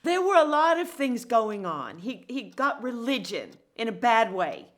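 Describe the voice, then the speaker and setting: A woman playing a halting, evasive mother. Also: a little high, sing-song. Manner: hesitant, halting when pressed. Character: worried secretive mother of grown daughter. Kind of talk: audio drama acting.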